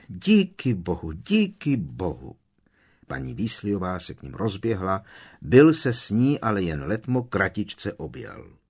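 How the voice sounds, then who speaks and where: A man narrating an audiobook in a measured, solemn reading. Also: sits low. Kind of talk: scripted narration.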